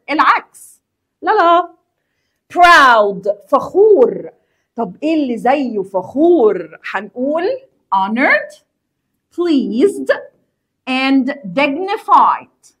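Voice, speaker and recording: High, lively Egyptian woman teacher. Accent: Egyptian Arabic. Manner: reads English words slowly and clearly, then explains them in quick colloquial Arabic; chatty, addresses students directly as a group. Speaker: English teacher. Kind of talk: vocabulary lesson for secondary students.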